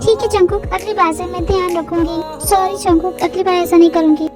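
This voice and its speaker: A woman voicing a sweet, shy young wife in a fan audio drama, speaking softly. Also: very high voice, fairly even intonation, brisk, music in the background. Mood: apologetic.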